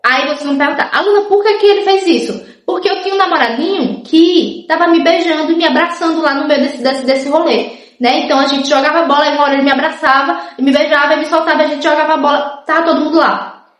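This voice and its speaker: A young woman with a high voice talks at a quick pace, her tone a bit bright and the sound roomy. She's casually telling viewers her life story, chatty and often saying "gente" and "tipo," acting out other people's lines.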